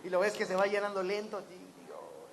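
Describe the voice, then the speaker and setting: High-voiced man preaching a lively sermon. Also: fast talker, a little hiss or hum. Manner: animated, peppered with rhetorical questions to the congregation; acts out quoted voices of others.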